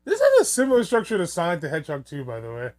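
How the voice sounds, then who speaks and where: A man's voice: fairly high pitch, huge pitch swings, racing, a little mellow. A man giving casual, rambling and joking film commentary, with some swearing. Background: film soundtrack music.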